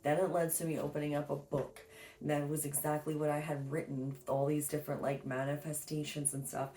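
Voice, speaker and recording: A woman's voice: low-pitched, flat delivery, brisk, mellow, echoey room. A woman giving a tarot reading in a casual, rambling way, full of fillers and restarts. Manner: rambling, filler-heavy, self-correcting. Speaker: tarot reader. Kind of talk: casual spiritual reading monologue.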